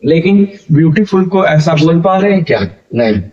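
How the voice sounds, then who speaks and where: A man teaching a grammar lesson, explaining slowly and calling his listeners friends. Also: fairly high pitch, animated, dark tone, dull audio.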